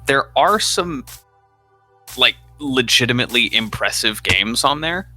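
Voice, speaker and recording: A man's voice: medium pitch, animated, a little slow, bright, forceful tone, soft background music. A man co-hosting a gaming podcast, explaining things in a wry, dry-humored casual chat. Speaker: podcast co-host.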